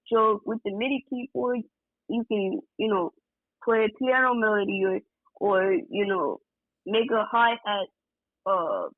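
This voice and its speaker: A man's voice: sits high, a little slow, no echo. Laid-back man on a tinny phone line. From Georgia, USA. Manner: relaxed, rambling, many fillers like "like" and "you know". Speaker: guest music producer. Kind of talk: casual interview chat.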